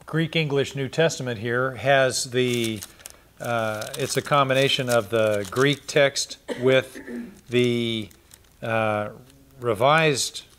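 A middle-aged Bible teacher with a medium-pitched, fairly bright voice leads a verse-by-verse study, explaining Greek words and repeating them. He is seated in a small studio and wears a lapel mic.

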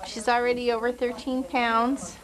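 A woman's voice: on the high side, flat delivery, normal speed, low-quality recording. A mother narrating a home video of her baby in the living room, talking sweetly to the infant while holding a camcorder. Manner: chatty, talks sweetly to the baby. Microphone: handheld camcorder.

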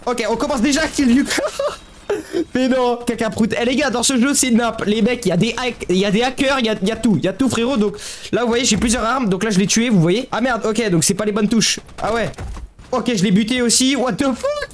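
A man giving casual gameplay commentary, excitable and slangy, often yelling at the game. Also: very high-pitched, fast talker, a little hiss or hum. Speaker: gaming YouTuber.

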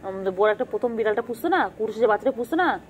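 A woman's voice: fairly high pitch, animated, rapid-fire, soft background music. A woman filming cats on an empty street at night, chatting casually and coaxing them with affectionate, repetitive baby talk.

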